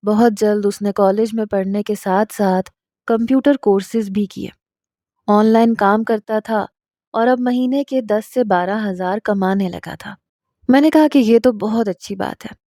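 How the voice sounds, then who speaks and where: A woman telling a first-person love story in a calm, gentle reading voice. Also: medium pitch, dry recording, clean studio sound.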